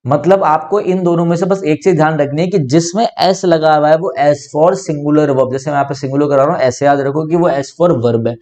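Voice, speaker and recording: Step by step, a young Indian-accented man explains English grammar in an online class, asking himself questions and answering them. He talks at normal speed with few pauses, in a fairly high, darkish voice.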